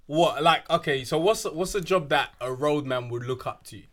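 A man's voice: a little high, normal speed, very noisy. A young man with a London urban roadman accent, chatting casually in slang and throwing questions at the group.

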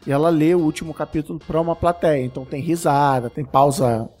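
A man's voice: a little high, steady tone, brisk, a little mellow, soft background music. A man, chatting enthusiastically as a podcast panelist. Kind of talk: casual chat.

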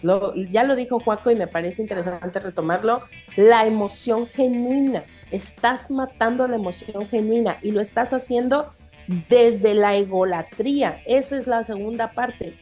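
High-voiced Mexican woman ranting emphatically. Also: darkish tone. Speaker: podcast co-host. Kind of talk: heated podcast commentary.

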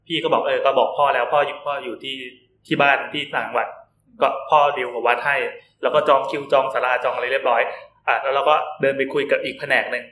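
A man's voice: mid-range voice, steady tone, fast talker, fairly bright tone. A man co-hosting a podcast who tells a long story in a rambling casual way, often repeating his words. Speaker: podcast co-host. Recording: roomy room with faint noise.

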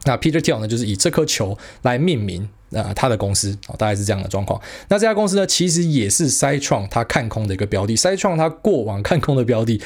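Fast, slangy Taiwanese man. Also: medium pitch, very animated. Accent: Taiwanese Mandarin. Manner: fast, slangy and blunt, with frequent fillers and mild swearing. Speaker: podcast host. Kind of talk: casual solo market commentary.

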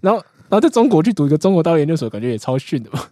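A man's voice: on the high side, big pitch swings, warm tone, no echo. A man co-hosting a casual podcast, joking and laughing a lot, close to his mic, near a cough. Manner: fast, joking, laughs often. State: about to cough. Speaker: podcast co-host.

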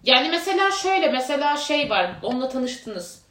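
A young woman talks quickly in a slightly high voice, telling stories in a casual chat and acting out the dialogue as she goes. The room around her is echoey. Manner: animated storyteller, acts out quoted dialogue.

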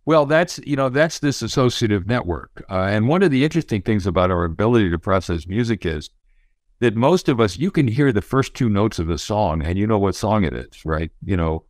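A man's voice: fairly low pitch, expressive, fairly quick, no echo, clean studio sound. A man speaking as an expert guest, explaining things in a thoughtful, conversational way. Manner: thoughtful, explanatory, often says you know.

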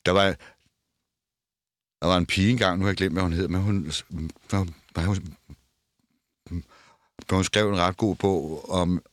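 Older male guest, casual chat, stammers and restarts, very deep voice, dry studio mic. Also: steady tone, pauses often, no echo. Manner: stammering, repeats words and restarts. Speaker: interview guest. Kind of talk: casual conversation. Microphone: headphones and studio mic.

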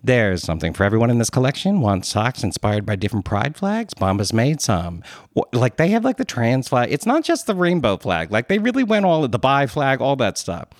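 A man's voice: medium pitch, very animated, brisk, no echo, studio quality. A man with a Philadelphia accent, co-hosting a podcast and chatting through an ad read with enthusiastic digressions. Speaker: podcast co-host. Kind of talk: casual chat and ad read.

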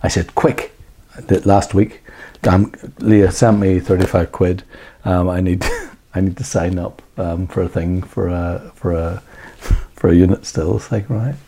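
A middle-aged man co-hosting a casual chat, telling rambling, animated stories with plenty of swearing and restarts. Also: low voice, unhurried, a little hiss or hum. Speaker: podcast co-host.

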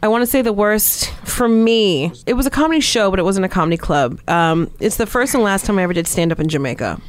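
A woman's voice: mid-range voice, animated, fast talker, slight background noise. A woman comedian from New Jersey, telling stand-up stories in a casual chat and laughing through her lines. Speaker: comedian guest.

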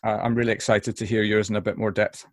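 A man hosting a podcast, asking questions in a casual, halting way with repeated words. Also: fairly low pitch, little pitch movement. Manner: hesitant, repeats words as he starts sentences. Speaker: podcast host. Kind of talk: casual interview.

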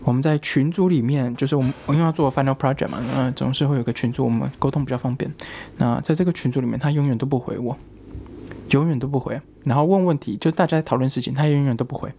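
A man's voice: medium pitch, quick pace, creaky, dark tone, slight background noise. A young man, a student, telling a rambling personal story in casual chat, with frequent restarts.

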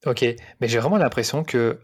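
A man interviewing a guest, asking questions with pauses and self-corrections. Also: mid-range voice, expressive, breathy edge.

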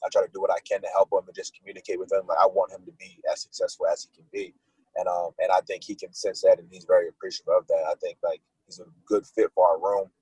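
A man's voice: deep voice, flat delivery, quick pace, a little mellow, slightly rough, no room sound, poor audio. A young man, a football wide receiver, answering interview questions in a casual, laid-back way, full of likes and restarts.

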